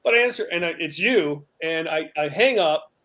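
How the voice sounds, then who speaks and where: A middle-aged man from Canada, a guest on a video call, telling stories in an animated, joking way. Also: a little high, normal speed. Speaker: guest, outdoor writer and teacher. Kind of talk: casual video-call chat.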